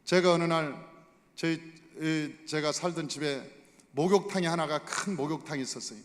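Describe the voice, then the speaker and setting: A male pastor preaching in a church sanctuary, telling stories and speaking straight to his congregation. His voice sits high for a man. A long reverb from the hall hangs behind every phrase. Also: normal speed. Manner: storytelling, addresses the congregation directly. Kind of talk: sermon.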